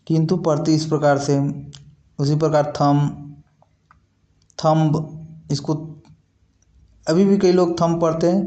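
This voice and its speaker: A man's voice: fairly high pitch, dark tone. Patient male English teacher, echoey room. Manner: patient, repetitive explaining, checks understanding with tag questions. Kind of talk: classroom-style lesson explaining pronunciation.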